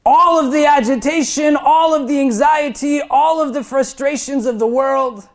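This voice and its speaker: An imam delivers a Friday sermon to a crowded prayer hall at normal speed. He builds momentum through lists and questions, his pitch and volume climbing, then drops his voice low to land each point.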